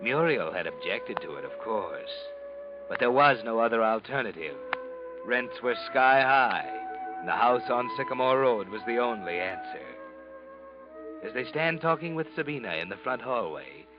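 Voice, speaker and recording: A man's voice: medium pitch, very animated, close to an everyday voice. The Whistler, a man as ominous radio mystery narrator. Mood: brooding. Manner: theatrical, brooding, deliberate. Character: ominous, all-knowing shadowy male narrator of dark tales. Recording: dull vintage radio recording. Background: dramatic music.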